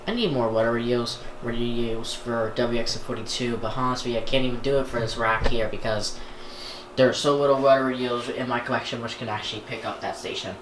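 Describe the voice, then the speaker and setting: Fairly quick and steady in a mid-range voice, a person chats off the cuff for a vlog about their radio collection, wandering and frequently beginning sentences again. Echo and background noise fill the indoor room.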